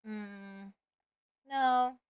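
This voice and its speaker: A woman's voice: medium pitch, drawn-out words, clear, resonant tone, no echo. A woman streaming live as a VTuber, chatting casually and playfully while she animates, with sudden dramatic outbursts.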